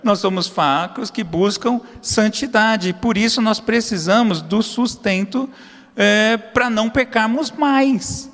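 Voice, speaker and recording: A pastor preaching a sermon in a high voice. He moves between loud, raised emphasis and low, hushed asides, and slips into short, familiar prayers. His voice rings with the long reverb of a church hall. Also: slow pace.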